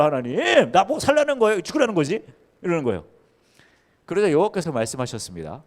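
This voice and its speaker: Animated Korean-speaking male pastor preaching. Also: on the high side. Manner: animated storytelling, acting out biblical characters with playful laughs. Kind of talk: sermon. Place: church service.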